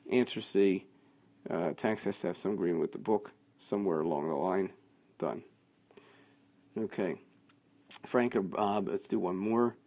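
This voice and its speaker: A man teaching a class, working through quiz answers out loud in a conversational way. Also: sits low, measured pace, long pauses. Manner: thinking aloud, conversational, with fillers.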